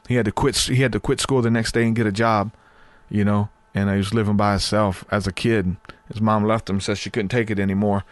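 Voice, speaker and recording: A man in his thirties runs a podcast in a loose, rambling style, with many fillers and repeated words, his voice fatigued from long talking. His pitch is fairly low, with no room sound.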